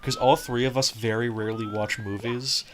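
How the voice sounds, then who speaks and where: A man's voice: mid-range voice, fairly even intonation, moderate pace, crowd noise. A man giving casual, rambling commentary while he plays a game, full of "like" and restarts. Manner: rambling, fills talk with "like", frequent restarts. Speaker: game streamer. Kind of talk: casual let's-play commentary. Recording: game music playing behind.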